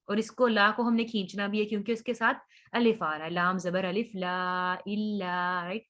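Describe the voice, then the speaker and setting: A woman teaching Quran recitation in an online lesson. She patiently corrects pronunciation sound by sound, drawing out recited words slowly before explaining them. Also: mid-range voice, a bit bright.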